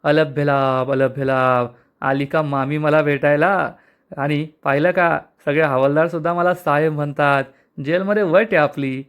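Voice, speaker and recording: A man's voice: on the high side, fairly even intonation, moderate pace, clear, resonant tone, lo-fi sound, lightly acted. A man voicing a boastful, scheming male crook in jail while retelling a TV serial episode, in a taunting, mocking manner.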